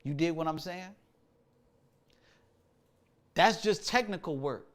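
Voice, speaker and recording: A man's voice: fairly high pitch, slow pace. Laid-back slangy male musician host. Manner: laid-back, slangy, thinks aloud with many fillers. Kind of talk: casual livestream talk.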